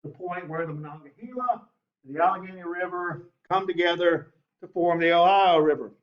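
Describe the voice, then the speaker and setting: Man, history lecture, classroom, lively, fairly high voice, muffled lo-fi recording. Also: fairly quick. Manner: lively, asks the class, keeps saying okay. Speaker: history teacher.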